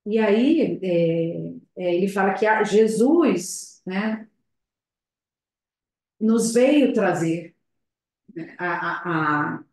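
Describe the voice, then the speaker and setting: Woman, lowish voice, spiritist lecture over a video call, slow and hesitant, heavy room echo. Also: animated, a little mellow. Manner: slow, reflective, hesitant, with frequent tag questions. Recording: very echoey room.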